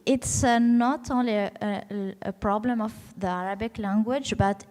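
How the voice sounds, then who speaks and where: A woman's voice: medium pitch, normal speed, a little mellow. A woman speaking on a panel in an emphatic, persuasive way, urging action. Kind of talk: panel discussion. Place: expo hall panel. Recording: reverberant hall.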